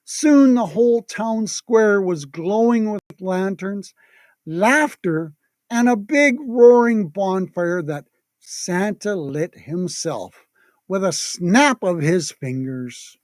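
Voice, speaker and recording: Slow, gentle children's storyteller. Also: mid-range voice, expressive, no room sound. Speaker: storyteller and meditation host. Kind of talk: expressive children's storytime narration.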